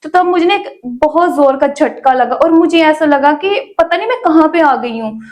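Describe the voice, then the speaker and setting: A young woman with a high voice tells her faith testimony in a casual interview. She talks in a chatty way, with many small fillers between her words. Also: lively intonation, moderate pace, a little mellow. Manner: chatty storytelling with frequent "ना" fillers. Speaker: guest sharing her testimony.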